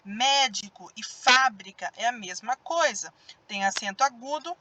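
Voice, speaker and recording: Slow, careful Brazilian woman teacher. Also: fairly high pitch, animated, sharp tone, dry recording, poor audio. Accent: Brazilian Portuguese. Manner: slow, drawn-out stressed syllables when demonstrating words. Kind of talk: recorded grammar lesson for children.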